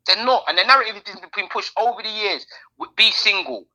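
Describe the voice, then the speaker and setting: A man's voice: sits high, expressive, a little fast, sharp tone, low-quality recording. A man co-hosting a podcast in casual, opinionated, slangy chat. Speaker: podcast co-host.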